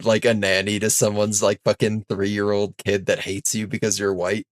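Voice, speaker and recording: A man's voice: lowish voice, little pitch movement, moderate pace, no room sound, studio quality. A man co-hosting a podcast in casual chat, making crude jokes and swearing freely. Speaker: podcast co-host.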